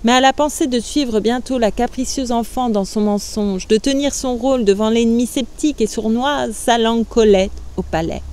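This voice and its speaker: A woman narrating a classic novel aloud with measured, expressive delivery. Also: a little high, clean tone. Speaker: reader. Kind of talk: literary reading aloud.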